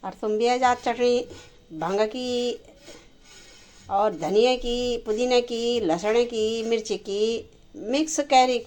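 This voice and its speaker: A woman's voice: on the high side, takes it slowly, darkish tone, low-quality recording. A woman chatting homely to her viewers in a casual home cooking vlog. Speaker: lifestyle vlogger.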